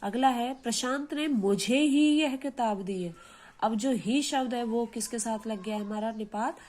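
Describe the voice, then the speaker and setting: A woman's voice: on the high side, a little mellow. A woman teacher giving a grammar lesson, explaining patiently and often asking her students questions. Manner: slow, patient explaining with frequent check-in questions. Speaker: school teacher.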